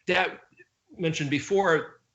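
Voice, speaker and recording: A man giving an informal Bible study talk. He speaks in an animated way, with sarcastic asides, and slowly spells out Hebrew letters. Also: highs cut off. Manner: animated, with sarcastic asides and sudden jumps in pitch. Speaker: Bible teacher.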